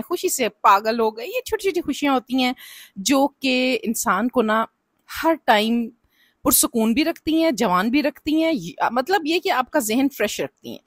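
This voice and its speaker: Woman vlogger, highish voice, chatty advice-giving tone, dry close voice-over. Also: dry recording. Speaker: family vlogger. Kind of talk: casual vlog narration.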